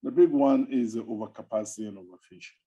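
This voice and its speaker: A middle-aged male academic speaks on an online panel with a husky, slightly breathy voice. His tone is dark and mellow. He talks conversationally and drifts into playful asides. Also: mid-range voice, fast talker, lo-fi sound. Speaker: academic fisheries researcher, webinar panelist. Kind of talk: webinar talk.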